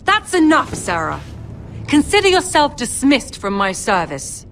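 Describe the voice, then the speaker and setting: Commanding young noble lady, game drama; unhurried, measured, imperious. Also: mid-range voice, lively intonation, vocal fry, a little hiss or hum. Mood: angry, commanding. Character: poised, commanding young noble lady, betrothed future queen. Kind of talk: dramatic video game acting.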